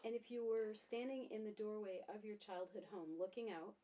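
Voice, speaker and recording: Woman asking interview questions, mellow voice, polite and gentle. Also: mid-range voice, fairly even intonation, moderate pace, low-quality recording. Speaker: oral history interviewer.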